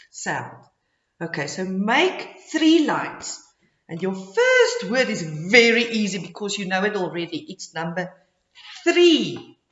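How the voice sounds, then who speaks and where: A woman teaching phonics to young children, modeling sounds and words in slow, exaggerated speech with repetition and simple instructions. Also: mid-range voice, a bit bright. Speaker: early-grade phonics teacher. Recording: dull, echoey room sound.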